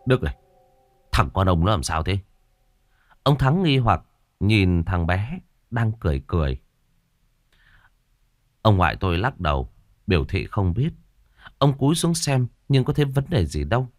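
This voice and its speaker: A man narrating a ghost story in an expressive storytelling manner. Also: mid-range voice, dry recording, clean studio sound.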